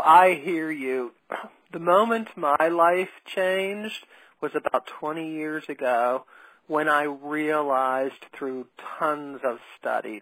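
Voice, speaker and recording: A woman's voice: a bass voice, a bit bright, dry recording, poor audio. A woman hosting a spiritual podcast interview, talking in an earnest, emphatic way. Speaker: podcast host.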